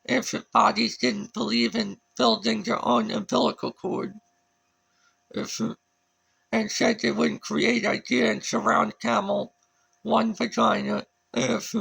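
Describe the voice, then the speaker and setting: A man's voice: sits high, level tone, slow, gravelly, a bit bright, husky, poor audio. A man talking alone in a disjointed monologue, jumping between words and lists. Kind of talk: solo rambling monologue.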